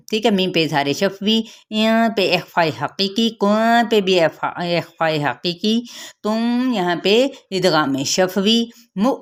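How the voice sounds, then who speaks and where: Pakistani urdu accent lady, lowish voice, teaching recitation, slows right down to show each sound. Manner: patient, repeats sounds slowly to demonstrate. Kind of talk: tajweed lesson with slow demonstrations.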